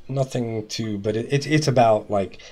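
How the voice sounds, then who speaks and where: A man narrating a tabletop game as game master, conversational and halting as he thinks aloud. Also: medium pitch, dark tone.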